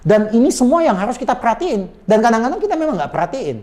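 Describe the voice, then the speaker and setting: Brisk sales-trainer type in a coaching chat, fast and emphatic, polite address. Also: mid-range voice, very animated, darkish tone. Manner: chatty and emphatic, often tags sentences with a polite "Pak"; acts out sample phone greetings in a changed voice. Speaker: sales and body language trainer. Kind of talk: conversational coaching talk.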